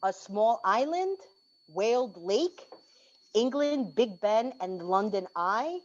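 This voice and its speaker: A woman leading an orientation, reading a collective list poem aloud in a measured way, pausing between items. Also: mid-range voice, expressive. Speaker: orientation organizer. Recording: dull lo-fi call audio.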